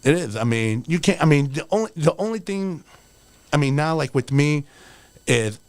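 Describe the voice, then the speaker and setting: This man in his forties is a wrestler appearing as a guest on a casual podcast interview, speaking earnestly and motivationally while rambling with lots of "you know" and other fillers. His voice is fairly high with lively intonation and a darkish tone, at normal speed, and there's no echo.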